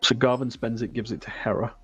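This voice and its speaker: A man co-hosts a stream with live commentary on a tabletop miniatures game, casual and dryly teasing. His mid-range voice is brisk with a breathy edge and fairly even intonation, recorded on a close, dry mic with faint music behind.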